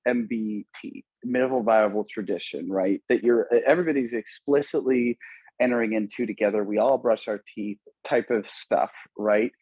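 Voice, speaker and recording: A man with a husky voice talks through ideas in a thoughtful, explanatory way on a podcast. The audio is slightly dull and lo-fi, and it sounds dry with no room echo. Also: fairly low pitch, moderate pace. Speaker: podcast co-host. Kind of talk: casual podcast conversation.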